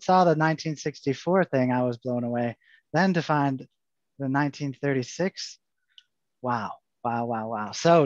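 A man's voice: on the high side, no echo. A man hosting a casual webinar chat over a video call, jokey and upbeat. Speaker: show host. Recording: muffled video call audio.

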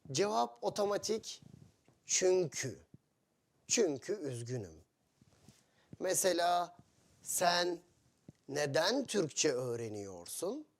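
A man teaching to foreigners in short, deliberate phrases, repeating simple examples. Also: on the high side. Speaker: Turkish teacher.

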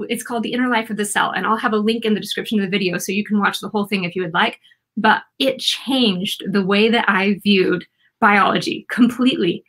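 A woman's voice: mid-range voice, sharp tone. A woman in her thirties hosting a live-stream interview, upbeat and enthusiastic. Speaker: host.

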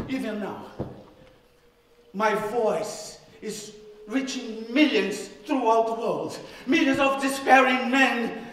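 A middle-aged man giving an earnest, dramatic theatrical monologue with deliberate pauses. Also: extremely high pitch, fairly even intonation, a bit bright. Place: on a theatre stage. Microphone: distant camera microphone. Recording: echoey hall from far off, faint noise.

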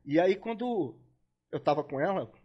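A man's voice: a little high, expressive, normal speed, mellow, dull audio. A middle-aged man, a rock musician, talking as a podcast guest in an emotional, heartfelt way, swearing freely and stumbling over repeated words. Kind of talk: emotional casual chat.

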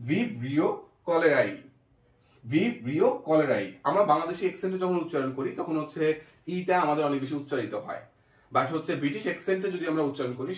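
A man teaching pronunciation, breaking words slowly into syllables. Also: a little high. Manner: slow, drawn-out syllable by syllable. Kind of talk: pronunciation lesson. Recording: echoey room.

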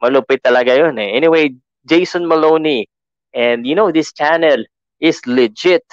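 Man, Filipino accent, podcast host, casual rambling chat, smooth voice, dry lo-fi sound. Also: a little high, normal speed, no room sound. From Philippines. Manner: chatty, code-switching, frequent fillers and restarts.

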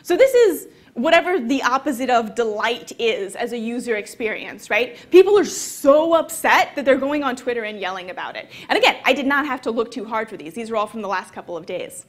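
Young woman, high voice, relaxed conference talk, chatty presenter. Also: fairly quick, few pauses. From American South. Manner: lively, conversational presenter with frequent fillers. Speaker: conference speaker. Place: conference hall.

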